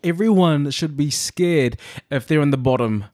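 A male podcast co-host with a fairly high voice talks in a casual, emphatic way. He leans on repeated phrases to make his point, and the recording is dry and free of echo. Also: normal speed, dark tone. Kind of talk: casual chat.

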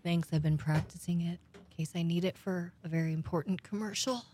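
A woman co-host putting on a slow, drawn-out robot voice during casual chat. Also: lowish voice, steady tone, dark tone, slight background noise, natural voice. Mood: robotic. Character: flat-toned robot voice, put on by a woman.

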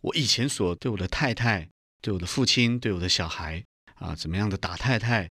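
A man's voice: lowish voice, a little fast, pushed and bright, no room sound, clean studio sound. A middle-aged man earnestly telling his personal testimony in an interview. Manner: earnest storytelling, acts out quoted voices. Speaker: guest giving testimony.

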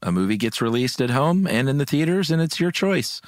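A man's voice: mid-range voice, expressive, a little fast, no echo, studio quality. A man hosting a podcast, chatting casually and reading listener comments in an informal, laid-back way. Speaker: podcast host.

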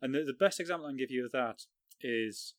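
Wry man from Sunderland, podcast co-host, dry close sound, mid pitch. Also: fast, no echo. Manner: wry, animated when telling anecdotes. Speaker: football writer and podcast co-host. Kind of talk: casual podcast chat.

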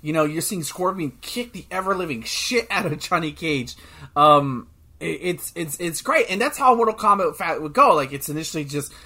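Man, casual podcast chat, excitable, rambling, bright and forceful tone, slightly high voice. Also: normal speed. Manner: rambling, excitable, swears often. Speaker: podcast co-host.

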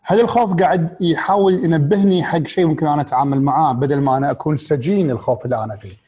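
A man with a Gulf Arabic accent speaks to his audience in a reflective, motivational way, his voice sitting a little higher than most men's. He thinks aloud through rhetorical questions, stopping on fillers and restarting his phrases as he searches for the right words. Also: very fast, mellow. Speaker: speaker on happiness and mindfulness.

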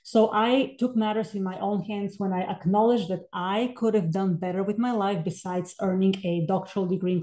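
A woman's voice: medium pitch, dark tone, roomy sound. A woman in her forties, originally from Bulgaria, telling her story as a podcast guest in an earnest, reflective way. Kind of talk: podcast interview.

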